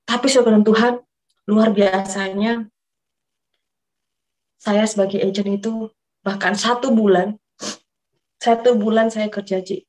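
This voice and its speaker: In a mid-range voice over poor-quality audio, a woman from East Java, Indonesia, gives a personal religious testimony. She tells her story earnestly and often calls her listeners brothers and sisters.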